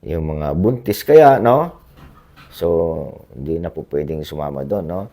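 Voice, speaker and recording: A man vlogging in a casual, rambling chat to his viewers, hoarse from a cough, politely tagging his sentences with little questions. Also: a bass voice, sing-song, a little slow, dark tone. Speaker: blogger reading viewer comments. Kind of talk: casual livestream-style chat.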